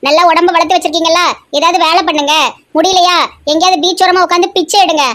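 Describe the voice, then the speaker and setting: Woman, comedy sketch, very high voice, rapid, sharp scolding. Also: flat delivery. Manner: sharp, scolding, emphatic exclamations. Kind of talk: amateur comedy sketch acting.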